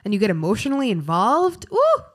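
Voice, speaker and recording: A woman's voice: fairly low pitch, normal speed. A woman co-hosting a casual podcast chat, bubbly and gushing, laughing often. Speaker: podcast co-host; vlogger.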